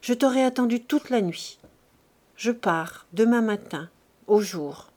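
A woman's voice: on the high side, expressive, measured pace, a little mellow. Audiobook reader woman doing an earnest young male rebel in her own voice, emphatic.

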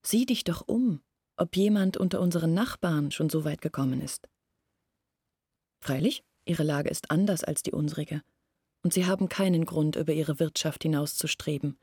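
Urgent and reproachful, an earnest village woman in a radio play lays bare family secrets in a husky, darkish, lowish voice, deliberate and sometimes almost whispered. The audio is very close and dry, with no echo.

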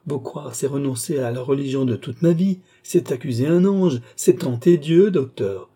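An anguished young nobleman pleads and cries out in a husky, mellow voice, as a male audiobook reader puts him on. His lines rise in pitch and volume when he begs, in the manner of a storybook reading. The pleading stays raw and insistent. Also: normal speed. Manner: pleading, impassioned outbursts.

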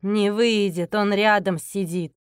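A woman's voice: mid-range voice, steady tone, unhurried, smooth, no echo, lightly acted. Lady doing a tired sighing duty officer, muffled voice, dry sound. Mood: weary. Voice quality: muffled, strangled. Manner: pedantic, sighing. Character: weary male desk officer, muffled and sighing.

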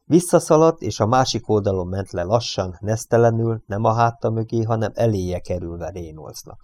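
A man reading a crime novel aloud as an audiobook in measured storytelling fashion, raising his voice for shouted dialogue. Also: on the low side, lively intonation. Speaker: audiobook reader.

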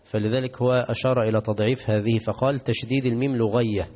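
A man's voice: mid-range voice, steady tone, fast, a little mellow. A man with an Egyptian accent giving a religious lesson, asking his listeners questions and answering them himself. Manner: asks the audience questions and answers himself, mixes classical and colloquial. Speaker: sheikh teaching hadith. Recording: dull recording in a reverberant hall.

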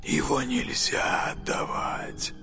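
A ghostly boy familiar hisses every word in a breathy, unvoiced whisper, as a man puts him on. He sounds soft, wary and urgent. Quiet music runs underneath the storybook reading. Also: slow. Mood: warning. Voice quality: hissing whisper. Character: eerie boy familiar spirit, hissing and wary.

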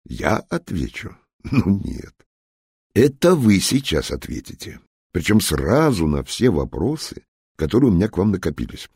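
A man's voice: deep voice, very animated, a little slow, darkish tone, breathy edge, dry recording, clean studio sound, full character voice. A man voicing a commanding, curt male general in an audiobook. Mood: cold. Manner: authoritative, curt. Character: commanding stern male general, middle-aged.

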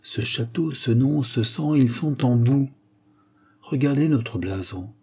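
A man's voice: mid-range voice, lively intonation, slow pace, mellow, breathy edge, voice pushed up, heavily acted. A man voicing a stern, proud aristocratic father, an aging marquis, in an audiobook, solemn and insistent.

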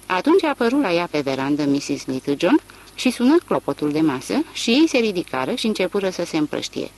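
An audiobook narrator reading a literary novel in a measured, expressive way. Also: mid-range voice, low-quality recording.

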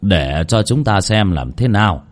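A man's voice: on the low side, animated, a little slow. A man voicing a stern, commanding elderly village elder in a storybook reading. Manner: orders people about.

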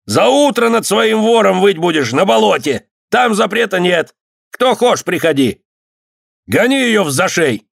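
A male reader voicing an angry court clerk who yells and scolds. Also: high voice, big pitch swings, measured pace, creaky, dry recording, studio quality, pitched above the performer's own voice, exaggerated voice. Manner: yelling, scolding.

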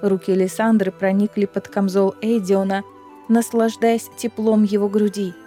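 A woman narrating a fantasy audiobook in an even, measured storytelling voice. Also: medium pitch. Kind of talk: scripted narration. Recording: dry close mic with faint music.

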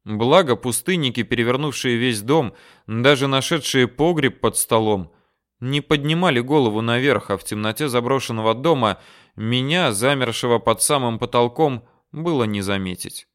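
A man narrating a first-person adventure story in a steady storytelling delivery. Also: medium pitch, normal speed.

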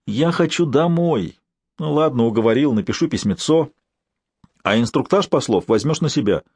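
A man's voice: medium pitch, lively intonation, normal speed, darkish tone, husky, no room sound. A male narrator voicing a sardonic young ruler who grumbles and mocks his friend, in an audiobook. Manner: sarcastic, grumbling.

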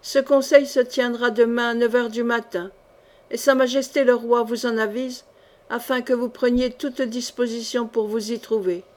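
A woman's voice: fairly high pitch, a little mellow, natural voice. A woman reading a solemn royal herald. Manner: ceremonious, formal delivery. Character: solemn, formal royal herald delivering a summons.

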